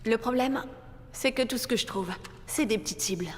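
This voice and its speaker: A woman's voice: on the high side, moderate pace, lightly acted. An actress playing a cocky, teasing woman fighter in dubbed film dialogue. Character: cocky, teasing female gun-loving fighter. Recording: long echo, faint background noise.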